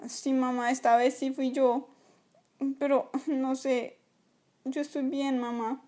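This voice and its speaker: A woman's voice: sits high, level tone, takes it slowly, warm tone. A woman voicing a cheeky young toy boy in a toy play video.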